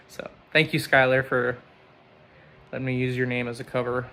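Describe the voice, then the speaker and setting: A man's voice: mid-range voice, little pitch movement, normal speed, sharp tone, slight background noise. A young man talking candidly in a casual vlog, rambling and swearing now and then. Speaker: vlogger.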